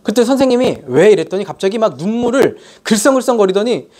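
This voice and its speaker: A woman's voice: medium pitch, a little fast. A woman lecturing at a sales seminar, telling stories and questioning the audience. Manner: animated storytelling, questions to the audience.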